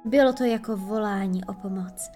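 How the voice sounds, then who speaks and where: A woman narrating a children's fairy tale as an audiobook, expressive and storytelling. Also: mid-range voice. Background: faint background music.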